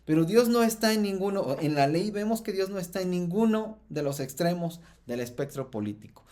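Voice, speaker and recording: Mexican guy on a faith podcast, kinda high voice, thinks out loud with lots of ums, pushes up on key points. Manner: thoughtful, many fillers and restarts, rises in emphasis. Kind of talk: reflective podcast teaching.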